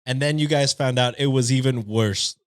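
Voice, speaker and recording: A man's voice: medium pitch, normal speed, clean tone, no echo. Blunt, joking man in a dry room. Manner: joking, blunt, swears freely. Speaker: podcast co-host. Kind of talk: casual chat.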